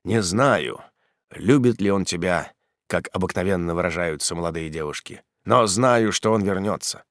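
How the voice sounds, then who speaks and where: A man voicing a bitter, vengeful old father in an audiobook, speaking gravely and low. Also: moderate pace, a bit bright, no echo, clean studio sound. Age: older. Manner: grave, brooding, bursts into fury.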